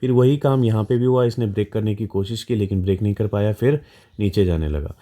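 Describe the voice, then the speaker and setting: A man's voice: fairly low pitch, fairly quick, warm tone. A man with an Indian accent walking through a stock chart in a casual, explanatory way, often checking in with his listeners. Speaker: stock market educator.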